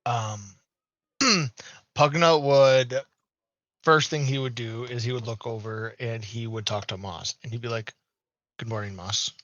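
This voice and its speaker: A man's voice: mid-range voice, fairly even intonation, measured pace, fairly bright tone, dry recording. Give me a casual, rambling male player with dry, dull sound. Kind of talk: casual tabletop play. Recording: dull, muffled audio.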